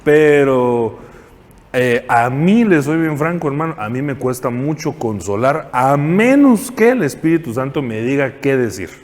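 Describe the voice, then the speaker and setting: A Guatemalan man delivers a sermon as a church elder, speaking at an everyday pitch. He talks conversationally and keeps asking the congregation questions. His voice carries a long reverb from the church sanctuary. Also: lively intonation, a little slow. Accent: Guatemalan Spanish. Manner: conversational, asks the congregation questions, frequent restarts.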